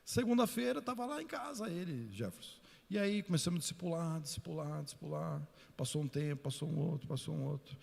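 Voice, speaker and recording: A man with a Brazilian Portuguese accent, a pastor preaching a sermon through a lively personal story. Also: on the high side, fairly quick, creaky, few pauses. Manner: animated, addresses listeners as "meu irmão". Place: church. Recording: reverberant church hall.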